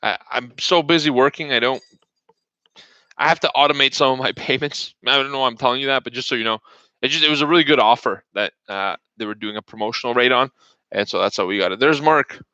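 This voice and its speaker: A man hosts a live trading stream, joking and chatting with viewers between market numbers. His voice is bright and forward. It sounds dry and slightly muffled, like lo-fi stream audio. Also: mid-range voice, fast, no room sound. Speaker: stock trading show host. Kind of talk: live market commentary, casual.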